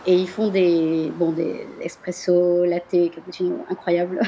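A woman from Marseille who runs a tour company, chatting in a casual interview, animated, with frequent laughs and hesitant fillers. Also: on the low side, measured pace, slight background noise. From Marseille, France. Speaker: guest, tour company owner.

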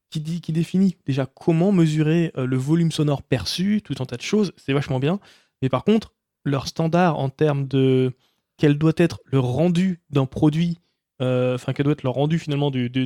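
A man's voice: a little high, dark tone, dry recording, clean studio sound. A man co-hosting a casual chat, explaining a topic at length. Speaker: podcast co-host.

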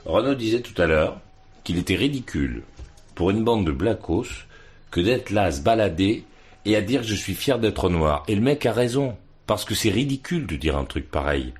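A man's voice: on the low side, very animated, moderate pace. A man calling in over the phone to a radio debate, blunt and slangy, laughing at his own points. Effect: heard over the phone.

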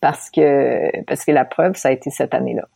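A woman from Quebec with a Québécois accent, telling her story as an interview guest, animated and laughing often. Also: very deep voice, normal speed, vocal fry, husky, no echo, studio quality. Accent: Québécois French. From Quebec, Canada.

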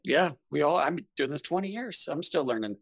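A man's voice: on the high side, expressive, fairly quick, dry recording. A man hosting an interview in a casual, easygoing way and prompting his guest with questions. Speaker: podcast host.

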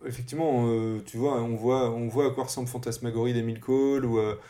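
A man chatting casually as a podcast co-host, relaxed and slangy, with many hesitations. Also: mid-range voice, quick pace. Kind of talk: casual chat.

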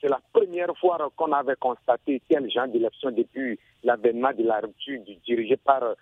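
A man from Benin, calling in to a radio show over the phone and speaking in halting bursts with many restarts. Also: mid-range voice, no echo. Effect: phone call into a radio show. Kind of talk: listener calling in to give his opinion. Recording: tinny dry phone line.

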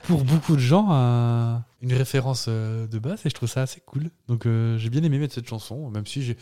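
A man's voice: medium pitch, normal speed, dark tone. A man co-hosting a podcast in casual chat, playful and joking, rambling from one aside to the next. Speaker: podcast co-host.

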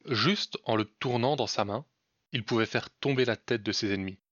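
A man telling a folk tale as a podcast storyteller, in measured, dramatic narration. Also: medium pitch, fairly bright tone, no room sound. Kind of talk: scripted narration. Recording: dull, dry lo-fi recording.

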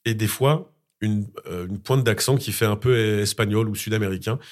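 A man's voice: lowish voice, moderate pace. A man in his thirties with a French accent, chatting as an actor guest in an interview, hesitant, with many fillers and restarts. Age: 30s. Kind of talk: casual interview chat.

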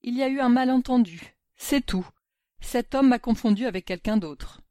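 A woman's voice: a little high, normal speed, mellow, dry recording, studio quality, pitched above the performer's own voice, close to an everyday voice. A woman voicing an irritated elderly mother who questions people sharply and incredulously. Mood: insistent.

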